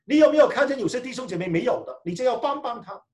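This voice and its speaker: Guy preaching a sermon, lively up and down voice, kinda far from the mic, echoey church room. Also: very high-pitched, fast talker. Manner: animated storytelling, often restarting phrases. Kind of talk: sermon with personal testimony.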